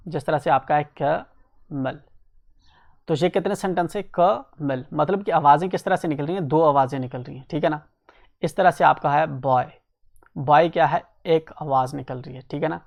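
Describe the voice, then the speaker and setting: A male teacher explaining an English textbook lesson in Hindi, who spells words out letter by letter, keeps adding "ठीक है ना", and reads English lines slowly before explaining them quickly. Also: fairly high pitch, gravelly, darkish tone. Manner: repeats "ठीक है ना" as a filler.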